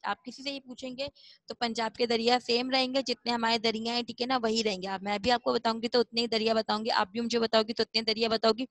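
A woman teacher with a fairly high voice walks young pupils through a lesson. She drills each word slowly and repeats it again and again, recorded close and dry with no room sound. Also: fairly bright tone, no room sound, low-quality recording. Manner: slow, repetitive, coaxing explanations. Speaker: school teacher. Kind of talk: classroom lesson.

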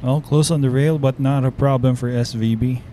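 Male billiards play-by-play caller, measured, faint background hiss. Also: medium pitch, fairly even intonation, mellow. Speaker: commentator. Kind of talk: billiards commentary.

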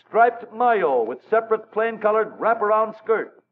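An old newsreel narrator, a man with a high, lively announcer voice full of wry asides. The sound is narrow and tinny, with faint hiss like a scratchy 1930s newsreel soundtrack. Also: normal speed.

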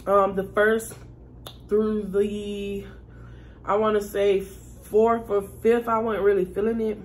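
A woman's voice: mid-range voice, little pitch movement, slow pace, a little hiss or hum. A woman chatting casually to her viewers while eating a meal. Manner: chatty and laid-back, talks while eating. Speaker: vlogger. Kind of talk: casual mukbang chat.

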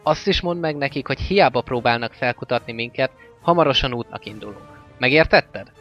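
Man voicing a fierce orc warlord, stern, gravelly, slightly dull lo-fi, faint music. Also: medium pitch, animated, lightly acted. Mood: commanding. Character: fierce male orc warlord, weary and commanding.

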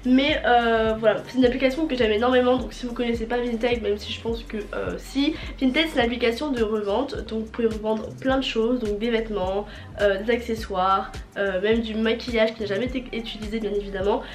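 A young vlogger speaks in a nasal voice, stuffed up from a cold, as she chats about fashion and repeats words for emphasis. Her pitch is fairly high, her intonation fairly even, and her pace fairly quick. A fixed camera at table distance records her in an indoor bedroom with a closet, with roomy sound and faint music.

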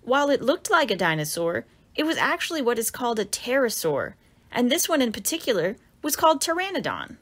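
With dramatic exclamations and animated storytelling, a woman reads aloud the children's picture book she authored for young listeners. She talks briskly, her voice on the high side.

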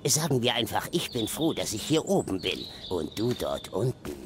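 An actor playing a haughty, scheming alien commander in a video game, pompous, theatrical and disdainful. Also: male voice, on the low side, big pitch swings, moderate pace, background noise. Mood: haughty, wry.

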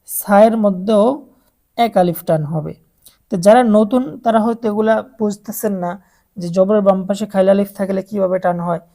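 This woman's voice is medium-pitched and mellow. Patiently drawing out every letter sound, she teaches Quran reading to adult beginners and has them repeat after her in a slow, stepwise recitation lesson.

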